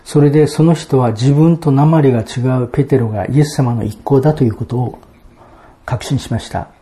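Mellow-voiced male preacher. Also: mid-range voice. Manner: measured expository preaching, reading out Bible verses. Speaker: pastor. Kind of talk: sermon.

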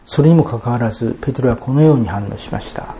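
A man preaching a sermon, explaining Bible verses in a measured, expository way and reading passages aloud. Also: mid-range voice, mellow, slight background noise. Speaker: pastor.

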